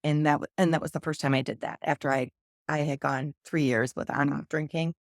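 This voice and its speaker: A woman with a lowish, gravelly voice speaks earnestly and openly in long flowing runs. She is a podcast guest telling her own story in a close, dry sound. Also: steady tone, brisk, dry recording. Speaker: podcast guest, sober coach. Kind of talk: candid personal storytelling in a podcast conversation.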